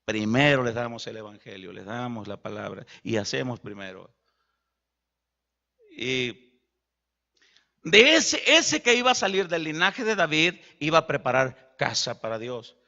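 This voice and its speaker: A man preaching a sermon as pastor, animated and acting out dialogue. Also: mid-range voice, a little slow, vocal fry, pauses often. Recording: dull lo-fi.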